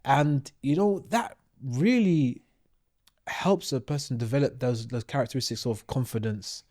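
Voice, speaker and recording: A man hosts a podcast interview in a mid-pitched voice. He talks in a measured, deliberate way as he brings in his guest and shares stories from his own life. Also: a little mellow. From United Kingdom. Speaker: podcast host.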